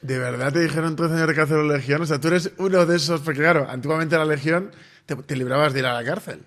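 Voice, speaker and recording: A man's voice: on the high side, fast talker, a bit bright. A man hosting a podcast, asking eager, curious follow-up questions. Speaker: podcast host. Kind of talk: casual interview questions.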